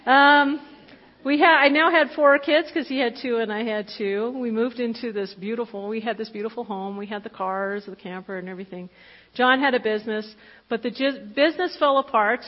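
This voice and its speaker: A woman of fifty giving a candid, conversational sermon about her own life, with fillers and quick self-corrections. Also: a little high. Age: 50s. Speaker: preacher. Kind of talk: personal testimony sermon. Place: church hall. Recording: dull lo-fi recording with long hall reverb.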